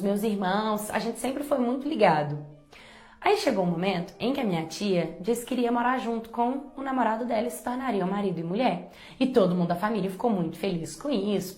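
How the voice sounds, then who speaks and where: A woman's voice: medium pitch, darkish tone, roomy sound. A woman telling a personal story in a chatty, confiding way, full of casual fillers.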